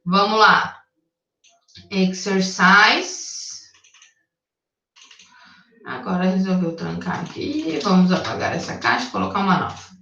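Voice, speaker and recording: A woman English teacher, patiently explaining a recorded lesson, checking in often and reading English sentences slowly and carefully. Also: medium pitch, animated, creaky, a bit bright. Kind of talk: recorded online class explanation. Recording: dull, echoey sound from a distance.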